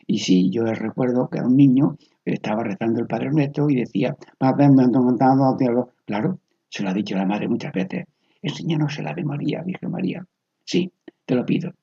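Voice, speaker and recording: Man, priest, guided meditative prayer, slow soft whispered repetitions, dark gravelly voice. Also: medium pitch, animated. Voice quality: gravelly, husky. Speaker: priest leading spiritual exercises. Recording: dull lo-fi recording.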